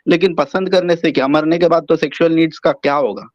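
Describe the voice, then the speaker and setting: A man's voice: a little high, steady tone, dry recording. Hesitant man on a muffled, poor call line. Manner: hesitant, halting, restarts words. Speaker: caller on a live question session. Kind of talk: casual spoken question over a call. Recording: dull lo-fi dry call audio.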